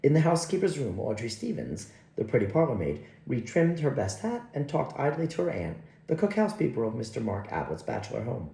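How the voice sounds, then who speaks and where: A man narrating an audiobook in an unhurried, expressive reading style. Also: mid-range voice, gravelly. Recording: echoey room.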